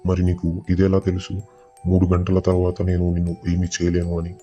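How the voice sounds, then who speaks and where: A man's voice: low voice, completely flat delivery, normal speed, dark tone, soft background music, pitched below the performer's own voice, natural voice. A man voicing a menacing unseen creature that taunts and threatens the listener over a radio. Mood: taunting. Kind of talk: horror story narration.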